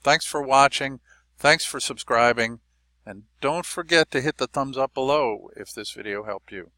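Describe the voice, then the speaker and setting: A man teaching trading in a relaxed, folksy way, with frequent fillers and small asides. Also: mid-range voice, moderate pace, no room sound. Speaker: trading educator. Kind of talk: explanatory market lesson.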